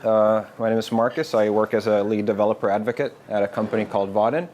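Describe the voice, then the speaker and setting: A man's voice: lowish voice, fairly even intonation, fast, a little mellow, a little hiss or hum. A man from Finland giving a casual developer presentation at a meetup, informal and loose, with frequent fillers and restarts. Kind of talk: conference tech presentation. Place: meetup room with a live audience.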